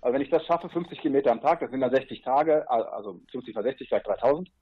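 A man's voice: medium pitch, expressive, racing, husky, phone-quality sound. A man as a podcast guest, explaining his trip in a rambling way with asides and fillers. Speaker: guest, paddler on a long river trip. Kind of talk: casual podcast interview.

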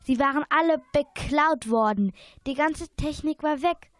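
A woman's voice: high-pitched, a little slow, a bit bright, dry recording. A young female narrator reading a youth radio play steadily, with small slips now and then.

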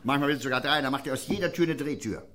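A man's voice: mid-range voice, very fast, noisy background. A man who tells a comic story in a chatty way and often ends his phrases with a questioning tag. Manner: chatty, tags lines with "ne?". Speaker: comedian.

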